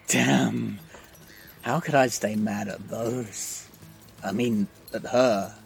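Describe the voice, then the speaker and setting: A man's voice: on the low side, vocal fry. A man playing a smug, leering townsman in a comic Western audio drama showdown. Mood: awestruck.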